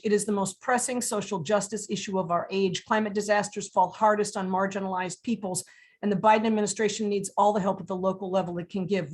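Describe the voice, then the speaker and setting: Woman candidate, gravelly hoarse voice, firm, mid pitch, video call. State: hoarse from allergies.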